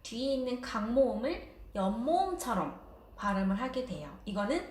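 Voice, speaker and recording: A woman's voice: a little high, big pitch swings, moderate pace, darkish tone, echoey room. A woman teaching a casual online language lesson, explaining patiently with light laughs.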